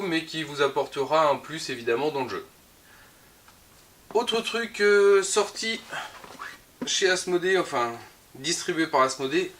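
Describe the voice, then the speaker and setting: In a shop video, a man with a French accent casually rounds up the week's new board games, chatty and upbeat but hesitating often. His mid-range voice sounds pushed and bright.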